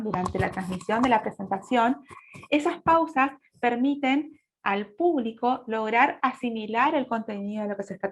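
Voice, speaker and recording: A woman teaching public speaking in a webinar, setting out her points in order over a video call. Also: on the high side. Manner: orderly, lists points in sequence. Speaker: speech coach. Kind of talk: webinar lecture. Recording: dull lo-fi audio.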